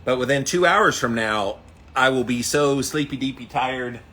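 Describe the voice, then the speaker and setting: A man's voice: mid-range voice, moderate pace, sharp tone. A man giving casual, folksy, encouraging talk to viewers as he vlogs in or fresh out of ice-cold water. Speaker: vlogger doing a daily ice bath challenge. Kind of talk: casual motivational talk to camera. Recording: clear background noise, outdoor machinery sounds.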